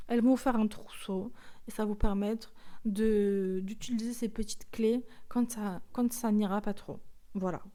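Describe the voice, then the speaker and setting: A woman's voice: medium pitch, dark tone. Outspoken woman with a Marseille accent. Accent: Marseille French. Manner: hesitant, many fillers and restarts; outspoken and indignant. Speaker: podcast host. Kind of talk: personal podcast monologue.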